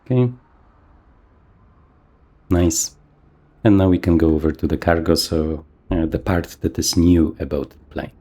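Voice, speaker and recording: A man casually talking through a flight simulator session, thinking aloud with plenty of fillers, his voice a little rough from the morning. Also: a bass voice, fairly quick, few pauses, darkish tone. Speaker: flight sim video host. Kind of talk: casual gameplay commentary.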